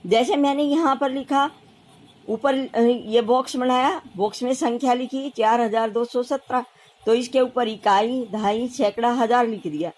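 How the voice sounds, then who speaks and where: A woman's voice: fairly high pitch, a little slow, a little mellow. A woman primary school teacher explaining place value, patiently counting aloud and repeating steps for children. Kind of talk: classroom math lesson.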